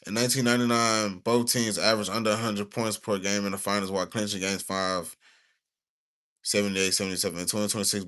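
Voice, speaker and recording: A man's voice: sits low, fairly bright tone. A young man from the United States, talking casually on a livestream. He rambles in slang and sometimes reads stiffly from notes.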